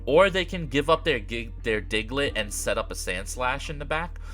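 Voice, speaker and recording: A young man with a congested, nasal voice from allergies, chatting casually through a card game with frequent fillers and throat clearing. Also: mid-range voice, expressive, normal speed, a bit bright, soft background music. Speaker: gaming creator. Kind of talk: casual gameplay commentary.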